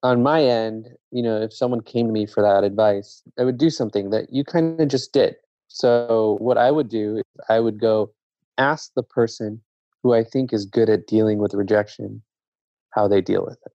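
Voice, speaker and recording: Low gravelly man, reflective guest. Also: mellow, no echo. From Zambia. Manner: reflective, measured, with many restarts. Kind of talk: casual conversation. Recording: dull lo-fi dry sound.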